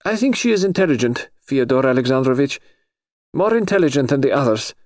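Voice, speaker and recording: A man's voice: mid-range voice, sing-song, a little fast, a little mellow, no room sound, studio quality, pitched above the performer's own voice, close to an everyday voice. A male narrator voicing a stout, dignified older princess who is solemn and fussy. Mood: probing. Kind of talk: audiobook character voice.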